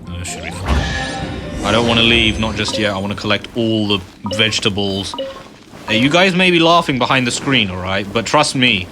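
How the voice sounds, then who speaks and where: A gaming video host with a lowish voice talks at normal speed, rambling casually as he plays a video game. Frequent fillers and muttered asides run through his commentary, with game music and sound effects in the background.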